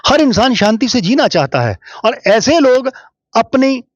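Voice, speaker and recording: A high-pitched man explains his view in an argumentative, lecturing way. His voice rises and falls widely. The sound is dry and dull, like a lo-fi recording. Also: sing-song, measured pace, no room sound. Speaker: religious guest. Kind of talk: interview answers.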